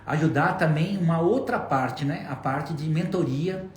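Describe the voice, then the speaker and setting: A man co-hosting a casual chat, speaking in a relaxed, joking way. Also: a little high, a little slow. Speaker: co-host. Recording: echoey room, faint background noise.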